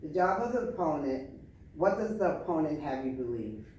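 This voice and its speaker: A male trainer with a slightly high voice, heard from far off in a very echoey room. He coaches bluntly, pressing with repeated questions. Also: sing-song, moderate pace, darkish tone, muffled recording. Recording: echoey room, far from mic, faint noise.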